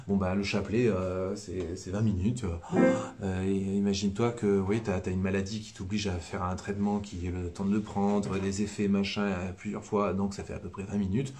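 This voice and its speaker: A religious brother with a Southern French accent gives a casual live spiritual talk over music. His voice sits low and his delivery is flat at a moderate pace, rambling and hesitant with plenty of fillers and repeated words.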